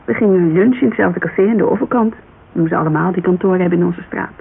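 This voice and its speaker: In a naturalistic radio drama scene, a Dutch actress voices a guarded, wistful, candid thirty-three-year-old who owns an Amsterdam model agency, playing the character fully. Her fairly low voice has gravelly fry and comes rapid-fire, yet hesitant and colloquial as she searches for words. The narrow-band recording is hissy.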